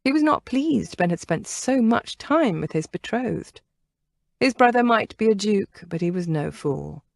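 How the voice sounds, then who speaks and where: A woman's voice: mid-range voice, expressive, gravelly, darkish tone, no room sound. Woman narrating an audiobook, dry. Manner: measured storytelling. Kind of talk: scripted narration.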